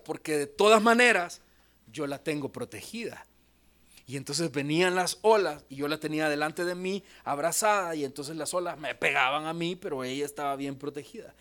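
A young pastor with a high-pitched voice delivers a sermon in an earnest, conversational way. He slips into personal storytelling and then builds to emphatic, repeated calls to prayer. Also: fairly bright tone. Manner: earnest preaching with a personal anecdote, rising to emphatic exhortations.

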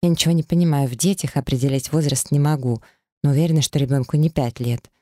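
A reader doing a lazy, calm girlfriend. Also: deep voice, no echo, studio quality. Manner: lazy, unhurried. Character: lazy, calm young woman, best friend.

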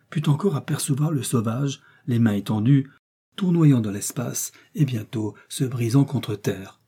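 A man narrating a classic adventure novel in a measured, dramatic storytelling voice. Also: fairly low pitch, mellow, breathy edge. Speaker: audiobook narrator. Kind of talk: scripted narration.

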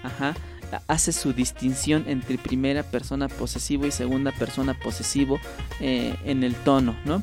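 A Mazahua-speaking linguist from the State of Mexico, a man, appears as a guest on a radio program, patiently explaining ideas with examples and checking in with listeners through frequent "¿no?" tags. His voice is medium-pitched with fairly even intonation and a moderate pace, and music plays in the background.

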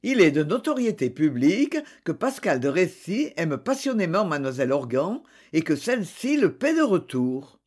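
A reader voicing a composed male prosecutor speaking in a measured, official manner in an audiobook. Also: mid-range voice, sing-song, darkish tone, husky.

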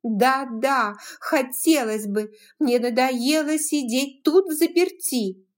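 A woman's voice: mid-range voice, animated, moderate pace, dark tone, natural voice. A woman voicing a willful, spoiled young widowed belle who talks in a petulant, pleading way.

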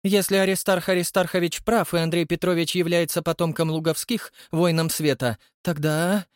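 A man's voice: on the high side, little pitch movement, moderate pace, clean tone, no room sound, clean studio sound, pitched above the performer's own voice, close to an everyday voice. A man voicing a timid woman who speaks in a faltering, hesitant way. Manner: faltering, babbling.

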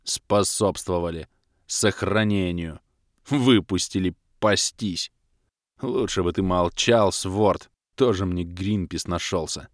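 A man's voice: deep voice, unhurried, few pauses, no room sound, clean studio sound. A man voicing a grumpy male prisoner who scolds and grumbles at his mates. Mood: scolding.

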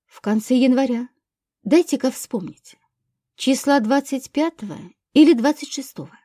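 A grown son faces questioning with restraint, read by a woman. His answers come calm and measured. The voice sits a little high and mellow, recorded close and dry. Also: no room sound. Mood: restrained.

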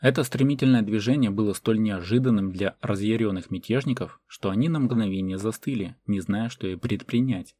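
A man reading a fantasy novel as audiobook narration in a measured way. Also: lowish voice, mellow. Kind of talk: scripted narration.

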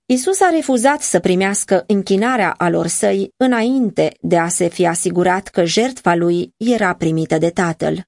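A woman narrating a devotional audiobook in a measured, earnest reading voice on a close mic. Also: fairly low pitch, gravelly, darkish tone, dry recording.

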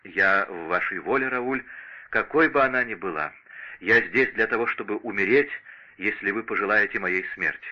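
A man's voice: fairly low pitch, normal speed, pushed and bright, muffled recording. A man voicing a lovesick young French noblewoman who pleads with passion in an audiobook. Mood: pleading. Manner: impassioned, imploring. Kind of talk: audiobook character reading.

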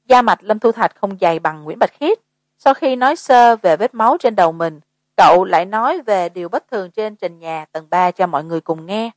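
A woman narrates a horror audiobook in an even, measured voice. Her pitch sits at an ordinary height. The recording is dry and close, with no room sound. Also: no room sound. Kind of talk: scripted narration.

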